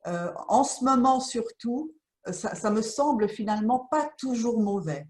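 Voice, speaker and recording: A woman with a slightly high voice moderates an online discussion, brisk and encouraging as she hands the floor to others. Her voice rings with the echo of a bare room. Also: animated, darkish tone. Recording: echoey room sound.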